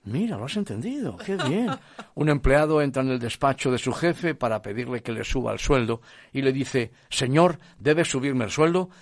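A man telling jokes casually, acting out the characters with lively voice changes. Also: medium pitch, moderate pace, dry recording. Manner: animated, acts out characters with voice changes. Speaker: joke teller.

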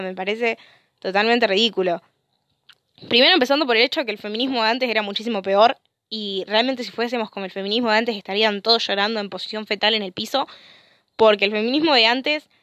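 A woman's voice: a little high, no room sound, studio quality. Fired-up Argentine young woman podcaster. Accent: Rioplatense Spanish. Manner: indignant, sweary and animated. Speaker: podcast host. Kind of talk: solo podcast rant.

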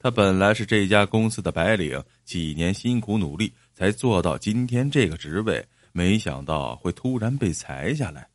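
A man with a low voice narrates a story at a steady, measured pace. The recording is close and dry, with no room sound. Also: dry recording.

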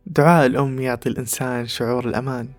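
A man giving scripted podcast narration in a calm, measured delivery. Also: medium pitch. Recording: faint music underneath.

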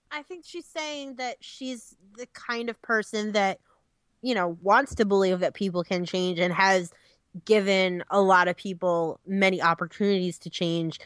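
A woman's voice: on the low side, a bit bright, no room sound. A woman on a casual podcast, reading the news segment in a friendly, eager way.

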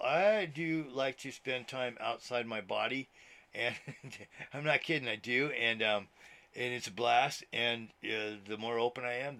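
Talking from his home while a TV plays, a man in his sixties who is a minister records his podcast through a laptop mic. His mid-range voice is bright and forceful as he wanders through a casual, chatty monologue, laughing a lot and occasionally swearing.

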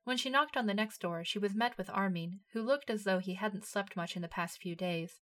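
A woman narrating a fan fiction story aloud in a steady storytelling voice. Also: mid-range voice, fairly quick.

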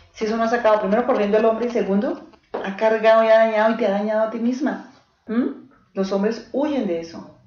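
A woman with a slightly high, darkish voice teaches a small live group in an echoey room. She is earnest and direct, tells stories from pastoral cases, and keeps checking in with the audience. The recording is dull lo-fi with faint hiss.

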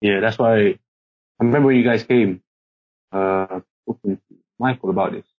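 This podcast guest is a young man from a Singaporean upbringing whose casual speech is British English with Singaporean code-switching. His voice is on the low side at a normal speed, and he wanders through his points with lots of filler words, all in muffled lo-fi sound.

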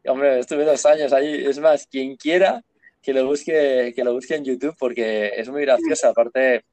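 A man from hosting a casual chat, relaxed and anecdotal, often repeating himself. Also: mid-range voice, moderate pace, dry recording.

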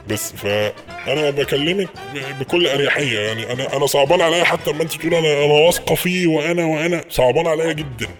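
Fast-talking Egyptian man, polite and halting. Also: fairly high pitch, music in the background. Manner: polite and fast, with many hesitations and repeated words. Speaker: prank caller posing as an official. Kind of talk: prank phone call.

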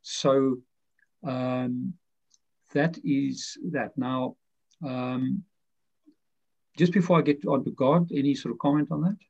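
Gravelly, husky man with muffled sound. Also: medium pitch, steady tone, a little mellow. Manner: rambling, halting with fillers. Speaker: guest author. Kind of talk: conversational explanation. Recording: muffled lo-fi audio.

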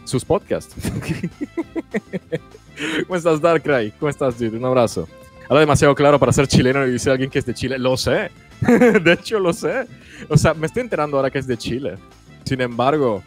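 A man's voice: medium pitch, expressive, fairly quick. A man chatting casually as a guest co-host of a live stream, laughing a lot and stammering, with faint music in the background. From Italy. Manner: chatty, laughs often, stammers and repeats words.

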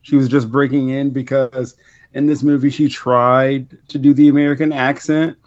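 A man co-hosting a podcast, chatting casually about a movie in a rambling way, full of fillers and quick laughs. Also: mid-range voice, level tone, darkish tone, dry recording, dull audio. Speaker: podcast co-host. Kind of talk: casual movie review chat.

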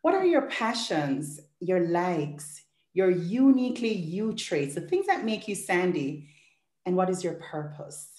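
A woman's voice: fairly low pitch, sing-song, a little slow, a little mellow, roomy sound. A woman hosting a podcast, reading an intro in an effusive, rhythmic listing style and then interviewing a guest. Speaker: podcast host.

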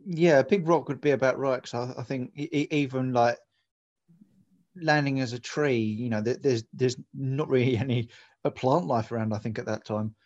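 A man as a guest on a casual podcast, talking in a hesitant, halting way. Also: medium pitch, a little mellow, muffled recording.

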